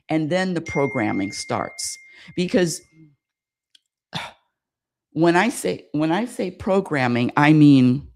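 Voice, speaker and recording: A woman hosting a spirituality radio show, talking in a repetitive, searching way and often asking listeners for agreement. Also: sits low. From United States. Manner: repetitive and searching, calls for audience affirmation. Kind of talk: spiritual talk monologue.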